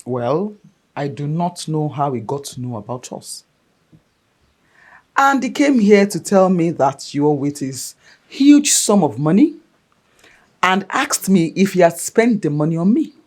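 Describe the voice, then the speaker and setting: A woman's voice: lowish voice, big pitch swings, a little slow, pauses often, darkish tone. An actress playing an indignant, scolding mother in a film drama, with a Nigerian accent and an emphatic, repetitive way of accusing. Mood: guarded, curt. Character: indignant, scolding mother fed up with a selfish man.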